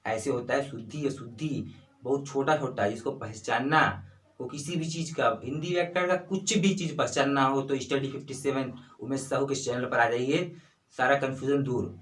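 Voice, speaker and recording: A man's voice: medium pitch, steady tone, moderate pace, fairly bright tone, reverberant, recorded from a distance, rough recording. A young man teaching a casual online grammar lesson, chatty, often asking himself questions and repeating his examples.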